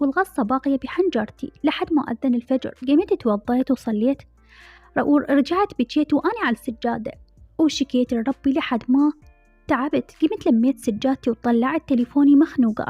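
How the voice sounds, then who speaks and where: Iraqi woman, novel narration, high voice, dull lo-fi recording, faint background music. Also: breathy edge, dry recording. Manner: intimate first-person storytelling. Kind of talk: reading a novel aloud.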